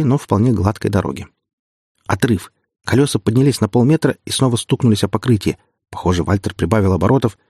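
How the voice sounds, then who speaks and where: A man narrating an audiobook in a steady storytelling manner. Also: fairly low pitch, husky, dry recording, clean studio sound. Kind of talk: scripted narration.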